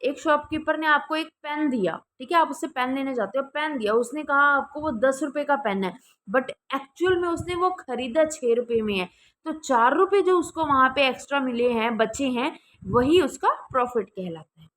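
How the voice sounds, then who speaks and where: Indian lady teacher, high voice, goes through slides, asks herself questions, bit of hiss. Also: lively intonation, a bit bright. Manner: explains in Hindi, reads English definitions slowly, asks and answers her own questions. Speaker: accounting teacher. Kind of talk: classroom explanation over slides.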